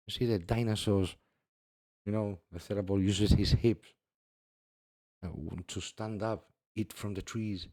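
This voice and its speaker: Deep, dark-voiced man discussing scripture. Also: steady tone, a little slow, long pauses, no room sound, clean studio sound. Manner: reads scripture aloud, laughs often, repeats "see". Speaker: religious video host. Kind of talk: casual religious commentary.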